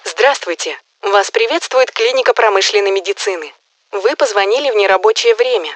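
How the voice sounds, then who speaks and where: A woman's voice: mid-range voice, animated, a little fast, background noise. A woman reads scripted phone-system greetings as a recorded announcer, in a polite, formal customer service voice.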